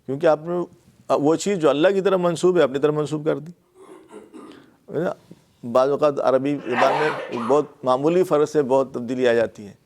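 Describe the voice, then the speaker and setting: A man's voice: fairly high pitch, fairly even intonation, darkish tone. A man teaching Arabic grammar of the Quran in a classroom lecture, with a Pakistani Urdu accent, explaining patiently and repeating key words with fillers.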